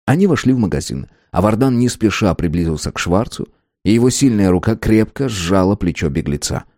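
A man narrating an audiobook in an expressive, lively reading. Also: on the low side, fairly quick, no room sound, studio quality. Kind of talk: scripted narration.

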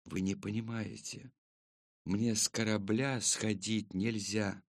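A man voicing a frightened young convict boy in an audiobook, speaking quietly in a half-whisper. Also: lowish voice, flat delivery, slow, no echo, studio quality. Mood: hushed.

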